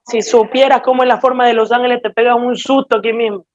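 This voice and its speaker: A woman's voice: fairly high pitch, steady tone, fast. A woman with an Ecuadorian accent preaching a sermon in a direct, emphatic, scolding way to a church congregation. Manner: emphatic, direct and scolding, with sudden swings in loudness. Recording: dull lo-fi recording.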